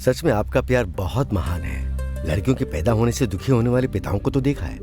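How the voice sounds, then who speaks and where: An actor dubbing a kindly male fellow traveler who speaks in a calm, gentle way. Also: fairly low pitch, a little fast, music in the background, lightly acted. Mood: admiring. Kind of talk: Hindi film dub.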